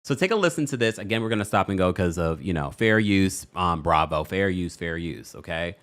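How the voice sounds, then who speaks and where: Hosting a casual celebrity news livestream, a deep-voiced man gives chatty, animated commentary at a brisk pace and laughs often. His pitch swings widely between low and high.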